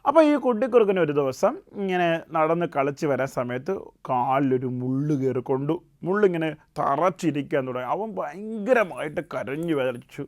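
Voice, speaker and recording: Gentle male storyteller for children. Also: fairly high pitch, lively intonation, normal speed. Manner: gentle, keeps asking the children questions as he tells the tale. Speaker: puppet show host and storyteller.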